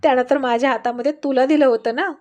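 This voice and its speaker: A woman's voice: high voice, steady tone, fast, a little mellow, natural voice. A woman voicing a confident, playful father who teases his family, read in a storytelling voice. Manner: playful, teasing. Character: confident teasing protective father.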